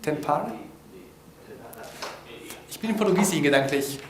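Guy going over vocab notes, kinda high voice, loose and hesitant, roomy echo. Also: animated, unhurried. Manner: loose, thinking aloud with frequent hesitations. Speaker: language learner presenting vocabulary notes. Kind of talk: informal explaining of vocabulary. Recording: echoey room.

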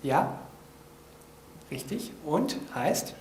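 Guy going over vocab notes, kinda high voice, loose and hesitant, roomy echo. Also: very animated, very slow, darkish tone, a little hiss or hum. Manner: loose, thinking aloud with frequent hesitations. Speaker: language learner presenting vocabulary notes. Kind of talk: informal explaining of vocabulary. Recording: echoey room.

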